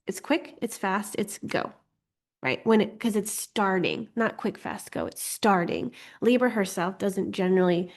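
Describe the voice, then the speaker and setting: A woman with a medium-pitched, gravelly, expressive voice speaks at a measured pace, sounding slightly congested as she gets over a cold. She hosts an online astrology course and teaches it informally, in a playful, chatty way full of giggles and self-deprecating asides.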